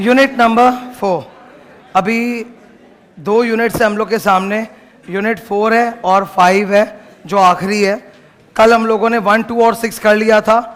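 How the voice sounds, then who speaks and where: A man's voice: high-pitched, steady tone, unhurried, a bit bright. A man teaching law to a class in a casual lecture, stopping at times to scold the noisy students. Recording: long hall reverb.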